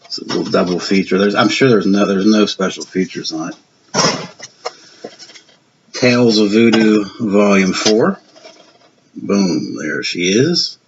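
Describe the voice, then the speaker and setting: In a relaxed vlog, a man from Virginia, somewhere in his fifties or sixties, talks about his film collection in a Southern US accent. His voice is on the low side with vocal fry and lively intonation, and he speaks unhurriedly with long pauses, rambling a bit and making fun of himself. The sound is dull and lo-fi, with a faint hiss.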